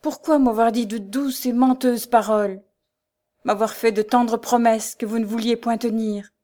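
A woman's voice: a little high, fairly even intonation, normal speed, dark tone, close to an everyday voice. A woman reading aloud, voicing a distraught young wife who speaks with trembling, bitter reproach. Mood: anguished.

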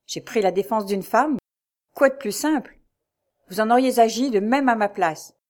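A woman voicing a haunted middle-aged nobleman who speaks in a sombre, halting way, in an audiobook reading. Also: on the high side, darkish tone, natural voice. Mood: grave.

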